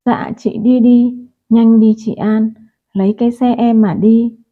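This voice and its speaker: A panicked young male neighbor, urgent and pleading, as a woman puts him on. The voice is raised in pitch and husky. Tinny, phone-like audio colors it. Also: steady tone, unhurried.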